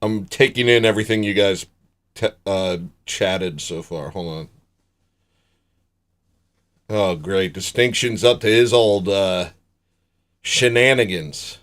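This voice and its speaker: A man's voice: lowish voice, slow pace, pauses often, a bit bright. A young man hosting a casual livestream from his home setup, rambling, sarcastic and self-deprecating. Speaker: livestream host.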